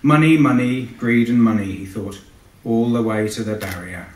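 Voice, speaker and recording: This clip captures a male author with a British accent reading aloud at a live event in a hall. He speaks at normal speed with a medium pitch. Sound echoes around the hall, picked up by a distant microphone.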